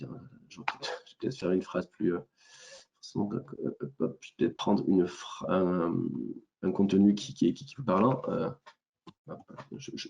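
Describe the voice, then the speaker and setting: A man with a southern French accent presenting a software demo in a webinar, talking hesitantly with many fillers and restarts. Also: deep voice, vocal fry, muffled recording, slight background noise.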